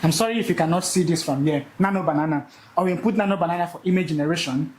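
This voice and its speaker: A young man teaching a live session, animated and repeating key words for emphasis. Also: on the high side, racing, reverberant, slight background noise, low-quality recording. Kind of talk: energetic classroom teaching.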